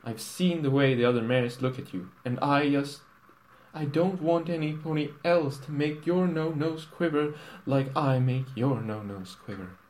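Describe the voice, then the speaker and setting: A man's voice: on the high side, measured pace, a little mellow, a little hiss or hum, voice pushed up, natural voice, rough recording. A man doing a gushing young pony princess. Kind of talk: comic storybook reading.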